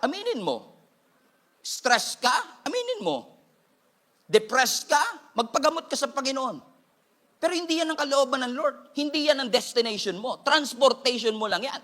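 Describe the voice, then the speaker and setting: Filipino man, pastor, high voice, preaching, code-switching, playful asides. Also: pushed and bright. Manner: switches between Tagalog and English, jokes with congregation. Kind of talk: sermon.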